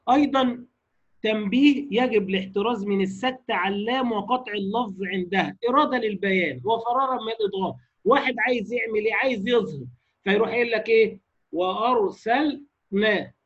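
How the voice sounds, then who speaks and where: Egyptian man, high husky voice, teaching recitation rules on a dull lo-fi recording. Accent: Egyptian Arabic. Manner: explains then slowly demonstrates recitation, asks the class rhetorical questions. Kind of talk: lecture on tajweed rules.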